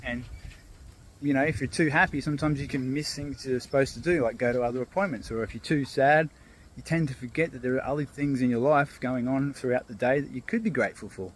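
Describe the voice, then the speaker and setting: With a medium-pitched voice and a slightly fast pace, this motivational vlogger narrates a fable while strolling outside, pondering feelings along the way. There's a bit of hiss or hum in the recording, and his delivery is loose and easygoing, with fillers and restarts.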